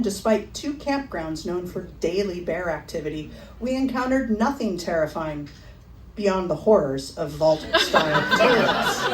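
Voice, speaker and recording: A middle-aged woman performing a personal memoir at a live storytelling event, with a wry, animated delivery. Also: fairly low pitch, reverberant, distant mic, background noise.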